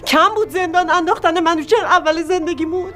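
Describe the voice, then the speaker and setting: A woman's voice: mid-range voice, darkish tone, faint music behind, lightly acted. An actress playing a middle-aged widow and mother of two who pleads and accuses. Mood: furious. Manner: pleading, then bitter and accusing. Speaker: widow confronting her husband's associates. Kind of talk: TV drama acting.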